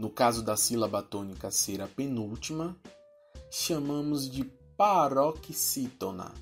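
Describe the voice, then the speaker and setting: A man voicing a cheerful virtual teacher with a Brazilian accent, explaining a lesson to children and slowing down to spell out words. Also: mid-range voice, vocal fry, slightly rough, heavily acted. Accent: Brazilian Portuguese. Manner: upbeat, addressing children, slows to spell out words.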